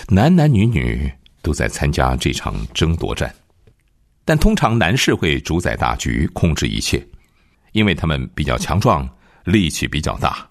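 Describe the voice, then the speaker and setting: Deep-voiced male preacher, very animated pitch. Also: moderate pace, no echo, clean studio sound. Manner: emphatic, rises and falls dramatically. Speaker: radio preacher. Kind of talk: sermon.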